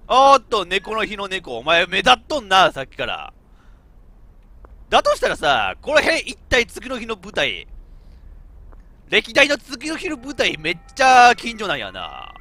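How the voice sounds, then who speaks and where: A man's voice: high-pitched, a little slow, no room sound. A man with a giving chatty, laughing let's-play commentary as a game streamer. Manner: animated, chatty, laughs often, talks to himself.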